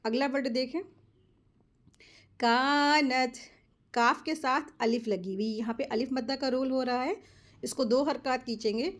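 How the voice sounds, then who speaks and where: A woman teaches Quran recitation step by step, explaining each rule quickly and then reciting words slowly as examples. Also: fairly high pitch. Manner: slow, drawn-out model recitations between quick explanations. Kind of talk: step-by-step tajweed lesson.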